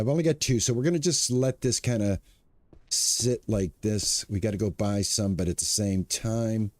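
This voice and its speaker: A man in his sixties with a lowish, mellow voice does casual live-stream commentary on a farming game, talking upbeat and chatty to his chat.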